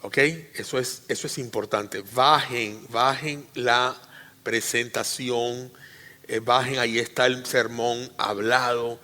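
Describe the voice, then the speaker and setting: Pastor guy preaching in church, bright forceful voice, long hall echo, repeats stuff, asks the crowd questions. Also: mid-range voice, steady tone, takes it slowly. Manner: teaching, repeats phrases, asks the congregation questions; swings between loud emphatic peaks and quiet asides. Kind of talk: sermon. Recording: reverberant hall.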